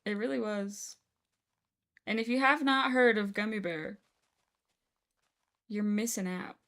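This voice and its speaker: A woman's voice: mid-range voice, fairly even intonation, unhurried, a bit bright. Bubbly young woman streamer chatting. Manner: bubbly, chatty, exclaims often. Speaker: live streamer. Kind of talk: casual live-stream chat while playing.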